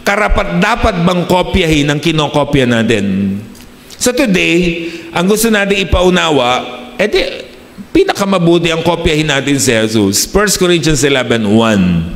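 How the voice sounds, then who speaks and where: Filipino male pastor, mid-high voice, sermon mixing in English, recorded in a reverberant church hall. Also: very animated, moderate pace. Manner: mixes English phrases into his preaching, asks the congregation "di ba?". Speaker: preacher.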